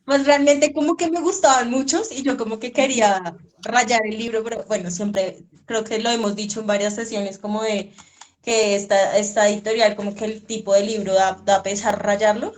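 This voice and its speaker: A woman's voice: on the high side, fairly even intonation, normal speed. A woman telling a story in a casual, rambling way, full of fillers and restarts. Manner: chatty, rambling, many fillers like 'como que'. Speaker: reader and guest. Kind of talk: casual conversation.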